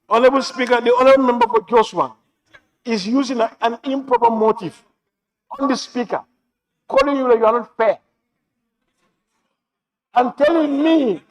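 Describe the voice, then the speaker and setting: A man's voice: extremely high pitch, low-quality recording. A man speaking as a member of parliament, raising formal objections in an indignant, complaining way.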